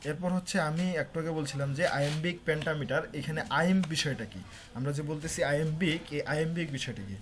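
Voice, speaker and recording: A man's voice: on the high side, fairly quick. A young man teaching an online class, mixing English terms into his explanations with frequent "uh" fillers. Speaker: lecturer.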